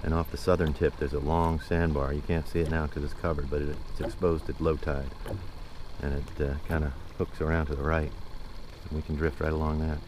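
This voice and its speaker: Deep-voiced middle-aged guy on a kayak, talking to his hat cam, wind and water noise all over it. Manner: relaxed, talks to himself, quick excited exclamations at bites. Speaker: kayak fishing vlogger. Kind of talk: casual narration while fishing. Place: kayak on open water outdoors. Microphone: hat-mounted action camera.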